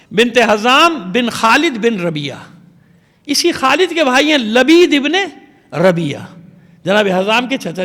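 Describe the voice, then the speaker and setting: A male religious scholar delivers an emphatic, digressive sermon, pleading with his listeners. His voice is high, bright, and forceful, and the recording carries a long hall reverb.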